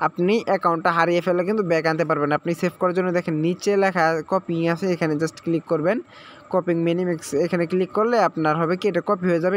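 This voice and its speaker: A man's high, slightly bright voice leads a screen-recorded tutorial on an app sign-up, with a little hiss or hum in the background. He repeats instructions step by step, checks in often, and blends English words into what he says.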